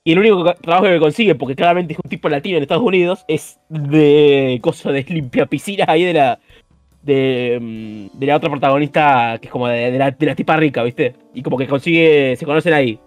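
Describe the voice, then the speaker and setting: A young man with a Rioplatense accent, chatting casually as podcast host, animated and slangy, swearing freely. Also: on the high side, a little fast, no echo, faint music behind. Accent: Rioplatense Spanish. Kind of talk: casual chat.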